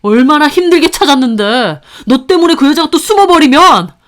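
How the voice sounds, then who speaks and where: A woman voicing a deceitful, obsessive middle-aged husband who snaps and shouts defensively. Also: medium pitch, normal speed, close to an everyday voice. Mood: angry.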